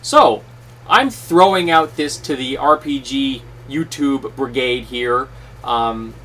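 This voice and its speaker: A man's voice: mid-range voice, slow pace. A man talking casually to camera as a YouTube host, recorded at home. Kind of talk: casual talk to camera about tabletop role-playing. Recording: distant mic, steady fan noise. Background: whirring fan noise.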